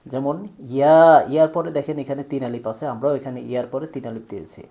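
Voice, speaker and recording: A man demonstrating a product step by step, slowly drawing out example words. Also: mid-range voice, warm tone, muffled recording.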